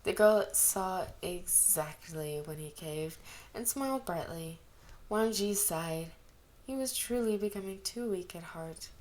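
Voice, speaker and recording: A woman, an amateur audiobook reader of fan fiction, narrates a scripted story and expressively acts out the dialogue with character voices. Her pitch is fairly low, her pace slow, and her tone on the dark side.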